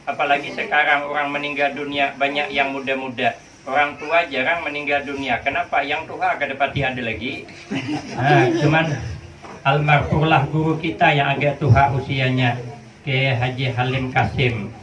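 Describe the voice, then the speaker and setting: A man's voice: mid-range voice, level tone, moderate pace, noisy background. A man in his fifties with a Banjar Malay accent, giving a humorous sermon, telling stories in playful dialogue and chanting Arabic phrases. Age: 50s. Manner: storytelling with playful dialogue and sing-song Arabic recitation. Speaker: preacher. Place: hall with a live audience. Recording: echoey, distant, muffled crowd hall recording.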